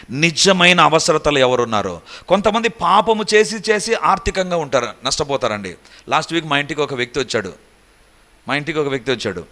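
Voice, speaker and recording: A middle-aged man preaching a sermon as pastor, swinging between raised emphatic passages and quiet low asides.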